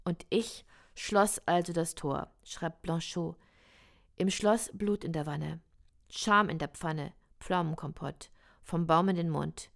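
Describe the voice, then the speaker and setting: A woman reciting experimental prose poetry in a slow, measured, deliberate way. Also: lowish voice, gravelly.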